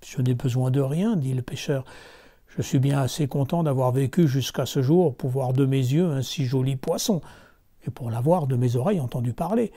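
A man's voice: mid-range voice, moderate pace, natural voice. Man reading a meek old fisherman. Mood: humble. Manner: gentle, humble.

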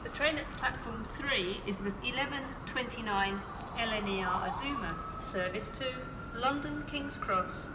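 Female station announcer, slow and formal train station announcement, distant over noisy ambience. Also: fairly high pitch. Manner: formal, segmented announcement delivery. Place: train station, over public address speakers. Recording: echoey distant station tannoy with loud ambience.

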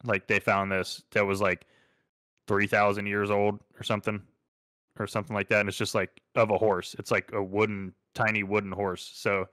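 A man's voice: lowish voice, little pitch movement, normal speed, a bit bright, no room sound. A man co-hosting a casual podcast, chatting and joking with friends, often laughing and acting out silly quoted voices. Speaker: podcast co-host. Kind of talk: casual chat.

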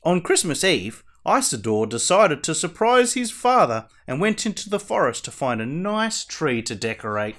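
Man playing Batman, animated storybook reader. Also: a little high, moderate pace, hardly any pauses. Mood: animated storytelling. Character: costumed masked superhero reading a bedtime storybook to children. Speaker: storyteller reading aloud for children. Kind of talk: animated picture-book read-aloud.

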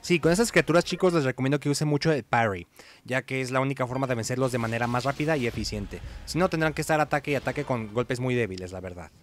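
Over video game music, a fast-talking man with a mid-range voice gives informal let's play commentary, reading game dialogue aloud and occasionally correcting himself. A slight hiss or hum is audible.

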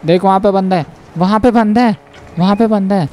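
Excitable man. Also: high-pitched, a little fast. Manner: excitable, jokey, bursts of yelling. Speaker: gaming channel host. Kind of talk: playful gameplay commentary.

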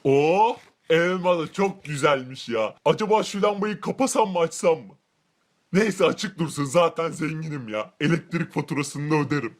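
A man playing an arrogant rich man in a Minecraft role-play, who boasts about his wealth, gloats, and shouts cruel threats. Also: on the high side, normal speed, lightly acted. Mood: smug gloating.

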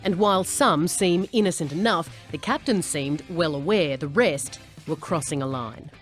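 Over loud music, an Australian woman in her thirties gives a TV news report as a correspondent, combining live coverage and scripted narration. Her voice sits on the low side at a normal speed, picked up by a lapel mic.

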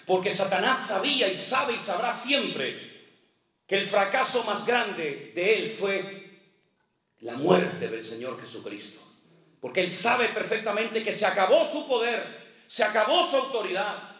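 A man in his sixties, a pastor delivering an impassioned sermon with repetition and shouted praise. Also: high voice, animated, a little slow, echoey room, recorded from a distance.

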